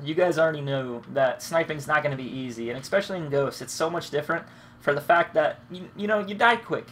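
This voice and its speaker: His voice slightly high and a bit bright, a young man nursing a cold and stuffy nose talks casually through his own gameplay, wandering off topic and swearing freely. Slight background noise is audible.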